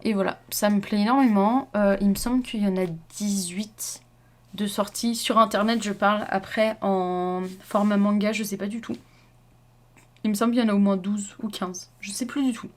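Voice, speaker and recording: A woman's voice: mid-range voice, fairly even intonation, normal speed, a little mellow. A young woman chatting casually to camera about her reading, rambling with lots of fillers and self-corrections. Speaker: book vlogger.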